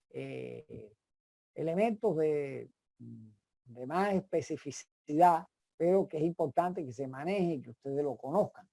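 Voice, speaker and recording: A woman giving an online course lecture, explaining step by step with frequent restarts and pauses. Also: low-pitched, creaky, warm tone, breathy edge, no echo, clean studio sound.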